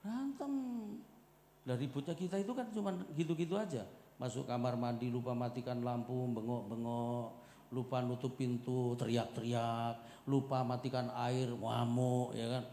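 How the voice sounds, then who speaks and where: A middle-aged man preaching a marriage seminar sermon, joking, loud and animated, calling for amen. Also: medium pitch, normal speed, slight background noise. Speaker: pastor. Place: church hall. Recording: echoey church hall with long reverb.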